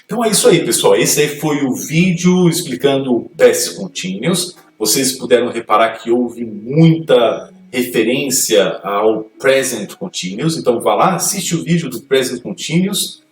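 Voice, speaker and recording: A man's voice: medium pitch, expressive, unhurried, few pauses, recorded from a distance. A man teaching an English grammar lesson, reading rules aloud and explaining them step by step. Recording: echoey room, voice off-mic, faint music.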